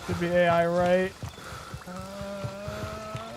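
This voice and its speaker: A man's voice: high-pitched, steady tone, over music, rough recording. A man streaming a tactical shooter, chatting casually and giving callouts with lots of fillers. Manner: rambling, halting with fillers. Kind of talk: casual gameplay chat and callouts. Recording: loud gunfire and game sounds behind.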